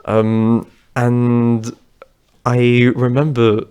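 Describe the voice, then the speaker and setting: A British vlogger in his 20s tells personal stories to camera in a rambling, chatty, loose way. His mid-range voice is clean and darkish, delivered completely flat and very slowly.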